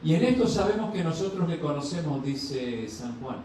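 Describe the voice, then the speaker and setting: Man, pastor, sermon, asks the congregation questions, acts out dialogues, mellow tone, echoey church, distant mic. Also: fairly high pitch, expressive, moderate pace, slight background noise. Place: church sanctuary.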